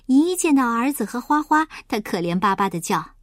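A woman reads a children's story aloud, her voice lilting and expressive. It sits a little high and rises and falls widely. The recording is dry and close, with faint music behind her. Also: moderate pace, dry recording.

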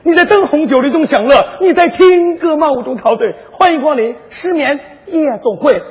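A man's voice: extremely high pitch, lively intonation, moderate pace. Man bursting into mock ad slogans. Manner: parodies commercial slogans. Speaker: crosstalk partner. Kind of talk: comic crosstalk, mock advertising jingles. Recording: dull sound with long hall reverb.

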